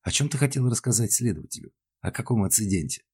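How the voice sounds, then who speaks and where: Husky male narrator as a brash woman, cheeky, whiny, pitched up, audiobook. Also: animated, quick pace, warm tone. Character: brash, impulsive woman passenger.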